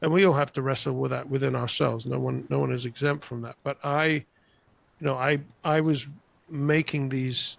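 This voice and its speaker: An older man from England who grew up in Spain, telling animated, rambling stories as an interview guest over a video call. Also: medium pitch, normal speed, gravelly, dry recording. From England, raised in Spain. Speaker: guest artist. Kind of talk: conversational interview storytelling. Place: home room, indoors. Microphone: large podcast mic on a video call, headphones.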